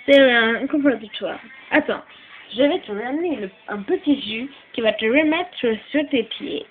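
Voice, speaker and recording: A woman's voice: a little high, expressive, unhurried, phone-quality sound, soft background music. A woman voicing all the characters in a homemade fan dub, switching voices and often sounding tearful. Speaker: fan voice actor doing all parts.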